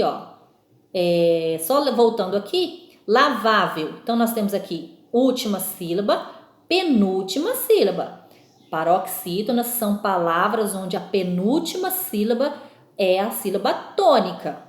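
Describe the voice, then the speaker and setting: Lively Brazilian woman teacher, echoey room. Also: medium pitch. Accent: Brazilian Portuguese. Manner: slow, emphatic spelling-out of example words; frequent checking tags to young pupils. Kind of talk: recorded remote school lesson.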